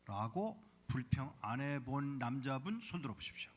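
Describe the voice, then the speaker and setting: Missionary guy preaching in church, super expressive up and down voice, goes from whisper to loud, pokes at the crowd. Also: medium pitch, moderate pace. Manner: dramatic, drops to whispers then bursts out loudly; blunt and provocative with the congregation. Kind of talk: sermon. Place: church sanctuary.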